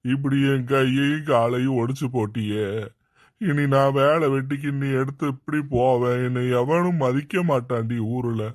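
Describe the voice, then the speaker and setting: A man's voice: mid-range voice, moderate pace, no room sound, clean studio sound, natural voice. A man voicing a sulky, self-pitying henpecked husband in a cartoon. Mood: whining. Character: sulky henpecked husband with broken arm, middle-aged. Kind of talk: cartoon voice acting.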